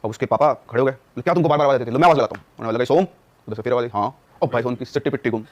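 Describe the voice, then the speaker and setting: Fast-talking young man telling a ghost story. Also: mid-range voice, lo-fi sound. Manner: acts out quoted dialogue in changing voices. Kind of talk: animated storytelling.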